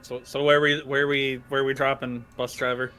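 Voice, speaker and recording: A man's voice: medium pitch, level tone, normal speed, bright, forceful tone, clear, resonant tone, soft background music. A man chatting and role-playing casually as a tabletop game player, hesitant and repeating his phrases. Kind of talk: casual in-character role-play and table chat.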